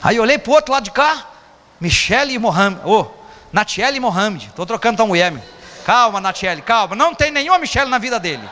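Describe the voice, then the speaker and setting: Lively high-voiced Brazilian pastor, echoing hall. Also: male voice, fast talker. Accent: Brazilian Portuguese. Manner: joking, chatty, teasing the congregation. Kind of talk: informal sermon. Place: church hall. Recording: echoey church hall, faint noise.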